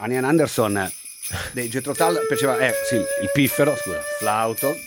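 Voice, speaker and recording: A man with a slightly higher voice presents a music programme in an informal, chatty style. Music plays clearly behind him as he talks loosely and chips in with asides. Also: lively intonation, normal speed. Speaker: music show host. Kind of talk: casual music chat and presenting. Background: music playing.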